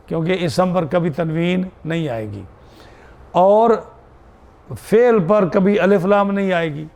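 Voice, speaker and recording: A man's voice: sits high, gravelly, darkish tone. A man teaching a classroom lesson on Arabic grammar, repeating key terms and checking in with his students.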